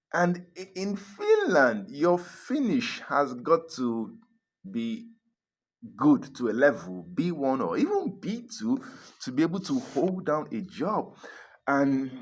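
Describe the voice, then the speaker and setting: This relocation vlogger is a man with a husky, mid-range voice, talking casually to camera about moving abroad. He's emphatic, repeats his points, and chuckles often.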